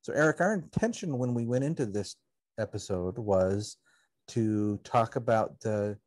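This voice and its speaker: A man hosting a podcast in casual conversation, playful and quick to laugh, wandering off on tangents. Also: fairly low pitch, animated, darkish tone. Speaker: podcast host.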